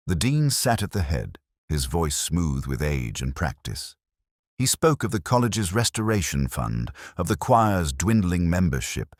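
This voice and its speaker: Man as very deep-voiced, brooding Inspector Morse. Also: no room sound, studio quality, heavily acted. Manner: measured, literary, reflective. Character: brooding, erudite, world-weary male police inspector. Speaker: narrator in character. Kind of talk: first-person detective story narration.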